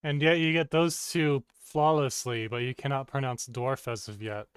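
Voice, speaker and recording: Calm man with a smooth, dry voice. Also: mid-range voice, normal speed, dry recording. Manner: calm, patient, terse. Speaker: streamer. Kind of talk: patient instructive commands.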